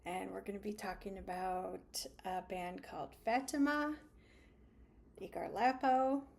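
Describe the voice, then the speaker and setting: A woman co-hosts a casual podcast and speaks at an unhurried, slow pace. She mostly chimes in with short agreeing replies and laughs often. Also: medium pitch, gravelly. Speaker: podcast co-host.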